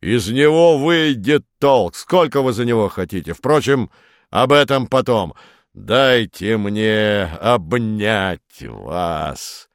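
A huge red-cheeked baron from a storybook, booming and blustering, as a male reader puts him on. He stretches his words out slowly and keeps his voice raised and lively, rising higher than the narration around him. The recording is dry and close. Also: no room sound. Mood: booming jovial.

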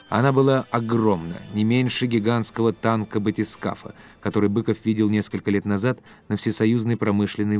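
A man reading an audiobook as the narrator, in a steady, measured way. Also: on the low side. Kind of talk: scripted narration.

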